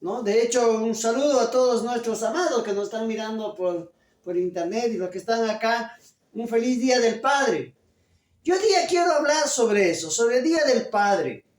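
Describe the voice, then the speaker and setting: A pastor delivering a sermon, loud and emphatic, full of rhetorical questions. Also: male voice, very high voice, expressive, moderate pace. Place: church. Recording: echoey church from a distance.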